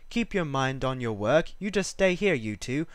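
A man's voice: mid-range voice, big pitch swings, normal speed, clear, resonant tone, no echo, lightly acted. A man doing a cocky, mischievous storybook cat. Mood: boastful. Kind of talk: storybook read-aloud.

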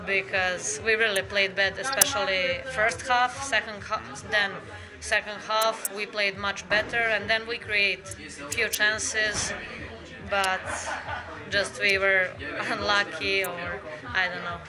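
A young woman footballer from Serbia with a Serbian accent, answering post-match questions in halting non-native English with small laughs. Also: medium pitch, steady tone, a crowd in the background, poor audio. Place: indoors by a brick wall after a match. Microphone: handheld mic on a stand near the chin.

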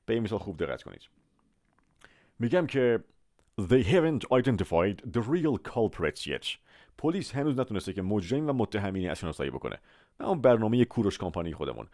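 Low-voiced, lively male vocabulary teacher. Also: no echo, clean studio sound. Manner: slow, drawn-out model pronunciations of English words; repeats words and asks listeners to say them after him. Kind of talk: Persian-language vocabulary lesson with English examples.

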